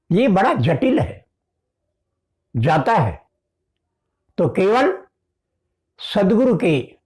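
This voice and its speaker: Very slow, calm spiritual teacher. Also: medium pitch. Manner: calm, measured, deliberate teaching. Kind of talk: scripture discourse, chanting verses and explaining them.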